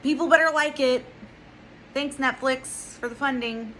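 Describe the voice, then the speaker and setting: A woman's voice: steady tone, a little slow, a little hiss or hum, low-quality recording. A woman voicing a smug, self-satisfied male film director in an exaggerated, mocking way. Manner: mocking, exaggerated, high and loud.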